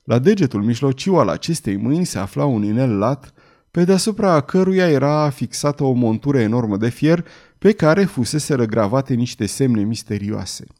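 A man narrating a novel as an audiobook in a measured, dramatic storytelling manner. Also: mid-range voice, lively intonation, dark tone.

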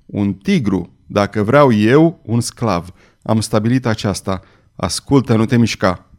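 A man voicing a brutal, cold nobleman villain in a storybook, in a thick, hoarse voice and low, menacing commands. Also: close to an everyday voice.

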